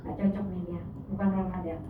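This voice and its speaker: A woman giving a casual hypnotherapy lecture, chatty and animated, sometimes acting out soothing instructions to a patient. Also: lowish voice, quick pace, noisy background. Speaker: hypnotherapy trainer. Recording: echoey room, far mic, tinny lo-fi sound.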